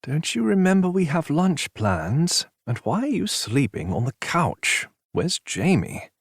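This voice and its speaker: A man voicing a gentle, amused young best friend in an audiobook. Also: fairly high pitch, very animated, a little slow, husky, dry recording, studio quality, voice pushed up, heavily acted. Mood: caring. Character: concerned, teasing young male best friend.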